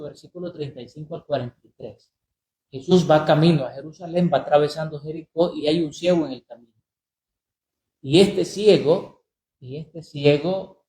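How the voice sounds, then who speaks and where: Priest preaching in an echoing room. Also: male voice, fairly high pitch, warm tone. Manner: deliberate, repeats phrases for emphasis, slows key words. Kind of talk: sermon. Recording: roomy echo.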